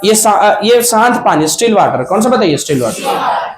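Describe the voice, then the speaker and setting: A man's voice: high voice, big pitch swings, normal speed. A man teaching a physics class, asking the students questions, answering them himself and joking with them. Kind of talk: classroom lecture. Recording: echoey classroom with student crowd.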